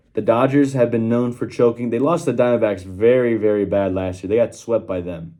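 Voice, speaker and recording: A man's voice: lowish voice, warm tone. A young man talking casually to his channel's viewers in a workroom, recorded on his phone, with many fillers and restarts. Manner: conversational, with frequent fillers and restarts. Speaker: channel host giving sports predictions. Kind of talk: casual one-take vlog talk. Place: small workroom at home.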